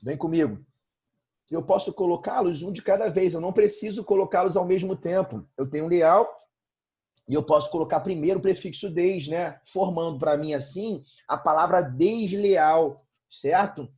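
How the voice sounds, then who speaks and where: Husky Brazilian male teacher, chatty. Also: high-pitched, a little fast, dark tone, highs cut off. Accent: Brazilian Portuguese. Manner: informal, repeats himself, frequent tag questions. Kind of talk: online grammar lesson.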